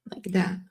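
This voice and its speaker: Hosting a live trading stream, a woman whose voice is going explains in a loose, stop-and-restart fashion, clearing her throat now and then. Her voice is medium in pitch and mellow.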